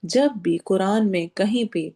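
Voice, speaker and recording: A woman's voice: medium pitch, dark tone, husky. Patient woman teaching Quran recitation. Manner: patient, explains step by step, stretches out words when demonstrating. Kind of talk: recitation lesson with explanation.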